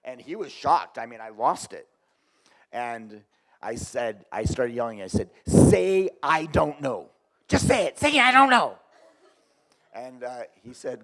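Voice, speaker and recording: A middle-aged man with a fairly high voice runs a workshop in front of a live group. He talks with lively energy, swinging between loud, rousing stretches and quiet asides. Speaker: workshop leader.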